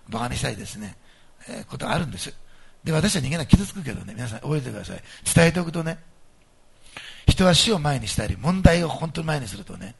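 A male pastor preaching a sermon to his congregation, emphatic and animated, moving between soft asides and loud stressed points. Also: medium pitch, creaky, husky.

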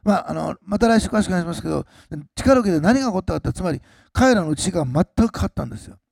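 A pastor preaching a sermon, swinging between loud, slowed emphasis and quiet, low asides to the congregation. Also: male voice, expressive, creaky, dry recording, studio quality.

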